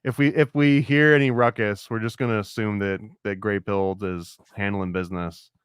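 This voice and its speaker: A man's voice: fairly low pitch, fairly even intonation, moderate pace, clean tone, dry recording, clean studio sound. A man co-hosting a casual podcast chat, rambling and laughing often, his talk full of "like". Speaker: podcast co-host.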